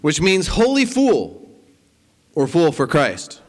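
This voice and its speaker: A man preaching a sermon and leading prayer, speaking deliberately with prayerful pauses. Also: fairly high pitch, huge pitch swings, in a large hall. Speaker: pastor.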